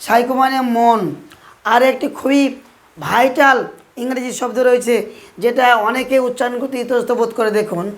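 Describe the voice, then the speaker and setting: A man teaching English pronunciation in a video lesson, slowly spelling out letters one at a time. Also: extremely high pitch, fairly even intonation.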